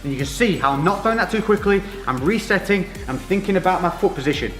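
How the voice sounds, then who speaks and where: Male boxing coach, slightly high voice, informal step-by-step workout instruction, reverberant space. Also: lively intonation, fast. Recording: echoey reverberant room with music.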